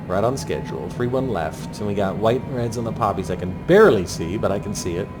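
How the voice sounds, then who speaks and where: A man's voice: fairly low pitch, animated, brisk, over music. A man giving running commentary as he flies a landing approach, thinking aloud in clipped aviation jargon. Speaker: flight simulator pilot narrating.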